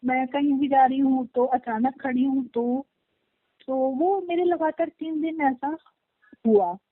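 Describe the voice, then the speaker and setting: A woman calling her meditation teacher, speaking respectfully and hesitantly, with many fillers and pauses. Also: high-pitched, dry recording. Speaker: caller, meditation student. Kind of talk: phone call with her teacher. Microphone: phone call. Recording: tinny phone line, dry.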